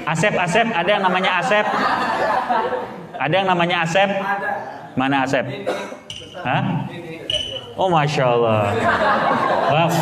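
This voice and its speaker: A preacher gives a joking, informal sermon in a fairly high voice. He keeps asking the audience questions. The long echo of a prayer room and a crowd of listeners surround him. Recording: echoey hall with crowd.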